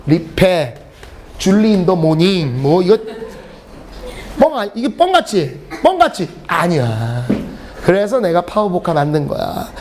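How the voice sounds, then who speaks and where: Animated, high-pitched male English teacher. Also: a little slow, a little hiss or hum. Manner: animated, joking, often laughing mid-sentence. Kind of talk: lecture with humorous storytelling.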